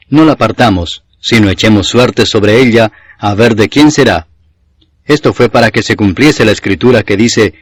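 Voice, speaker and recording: A man reading scripture aloud in a measured, solemn way, as a scripted reading. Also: on the low side, husky. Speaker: Bible reader.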